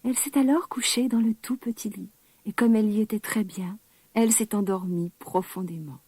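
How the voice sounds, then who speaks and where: A woman narrating a children's fairy tale in a gentle, expressive way. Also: medium pitch, normal speed, slight background noise. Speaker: storyteller.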